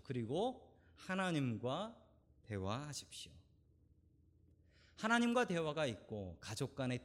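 A man in his forties, a pastor delivering a sermon, questioning the congregation directly and building emphasis. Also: mid-range voice.

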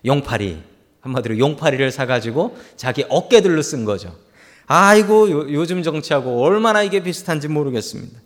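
A man's voice: medium pitch, expressive, brisk, in a large hall. A man, a pastor, preaching a Sunday sermon and retelling a Bible story to his congregation, voicing its figures and calling out to the listeners. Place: church sanctuary.

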